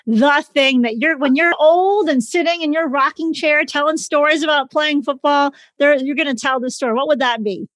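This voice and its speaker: Female host, slightly high, encouraging tone, dry close mic. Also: normal speed, hardly any pauses, a bit bright, no echo. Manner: encouraging, affirming. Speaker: show host. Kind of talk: interview.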